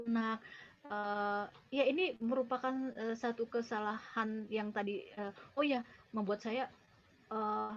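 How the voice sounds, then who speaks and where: A woman hosts an interview and frames her long questions slowly, pausing often on "eh". Her voice is fairly high. The recording sounds dull and lo-fi. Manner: hesitant, many "eh" fillers. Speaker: interview host. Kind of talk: hosting an interview.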